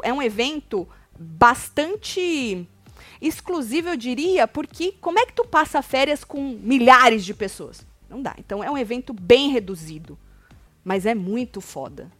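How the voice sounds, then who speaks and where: A woman's voice: high voice, dry recording. A woman with a Brazilian accent hosting a web show, chatting casually and emphatically about gossip.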